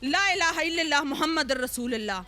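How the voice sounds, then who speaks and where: A woman's voice: sits high, expressive, sharp tone, soft background music. A woman being interviewed for the news, insistently denying accusations in an indignant tone.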